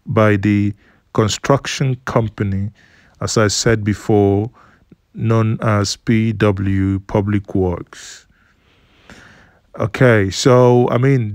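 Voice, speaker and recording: A man giving an unhurried voice-over commentary on photos, explaining things at length with fillers and restarts. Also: on the low side, a little mellow, clear, resonant tone, no room sound, studio quality. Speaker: news commentator. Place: studio voice-over, not at the pictured site.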